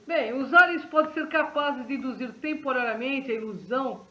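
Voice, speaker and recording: A man's voice: very high-pitched, moderate pace. A man co-hosting a paranormal talk show, speaking conversationally with fillers and small restarts. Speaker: co-host. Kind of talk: casual talk-show commentary. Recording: dull, roomy recording.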